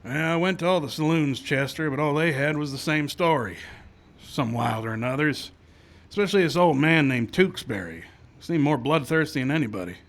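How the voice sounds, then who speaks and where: A man playing a calm, skeptical frontier marshal in a live radio western, measured, dry and authoritative. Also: on the high side, natural voice. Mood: wary. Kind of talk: live old-time radio western acting.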